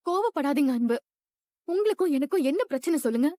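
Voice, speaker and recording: A woman's voice: high-pitched, animated, fast, warm tone, dry recording, studio quality. A woman playing a rich young woman who is obsessively in love, with a clingy, pleading and insistent manner in a dubbed drama.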